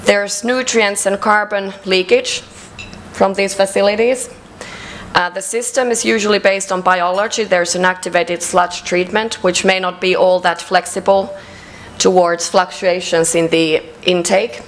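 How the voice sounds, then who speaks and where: A woman with a Finnish accent giving a conference presentation, measured and hesitant, with frequent fillers. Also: medium pitch, fairly even intonation, slight background noise, rough recording. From Finland. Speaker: conference speaker. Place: conference hall.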